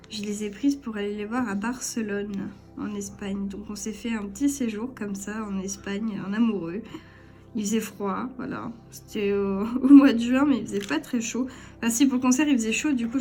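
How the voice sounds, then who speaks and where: Young woman rambling to her camera at a table at home, giggles a lot, soft music under her voice. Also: medium pitch. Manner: chatty, giggly, self-deprecating. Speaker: vlogger. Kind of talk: casual chat to camera. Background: soft background music.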